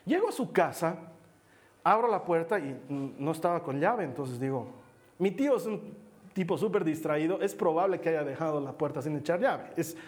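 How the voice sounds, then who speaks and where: A man preaching a sermon, telling a personal story in a lively way and acting out what people said. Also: on the high side, normal speed. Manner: lively storytelling, acts out quotes.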